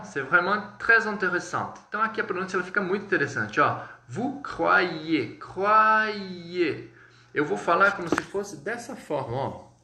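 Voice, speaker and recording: This high-sitting male voice, accented in Brazilian Portuguese, leads a live French lesson online, walking through each step, frequently asking viewers if they're following, and saying French words slowly and distinctly. The room echoes and the background is noisy.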